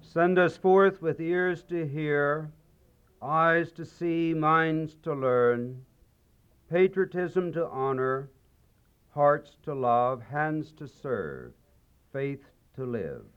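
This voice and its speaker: A man, a bishop, delivering a benediction in a measured, solemn, deliberate way. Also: fairly high pitch, animated, smooth. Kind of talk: benediction prayer. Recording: dull archival recording.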